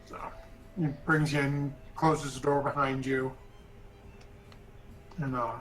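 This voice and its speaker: A man running a tabletop game as game master, narrating in a halting way with many fillers and restarts. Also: medium pitch, flat delivery, faint music behind, low-quality recording.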